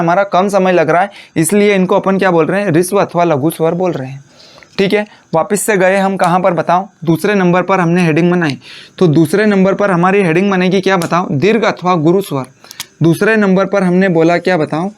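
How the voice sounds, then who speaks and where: A Hindi teacher with a notably high-pitched voice gives a classroom-style lecture, repeatedly posing questions and answering them himself. He dictates definitions phrase by phrase, slowly repeating each piece so students can copy it into their notes.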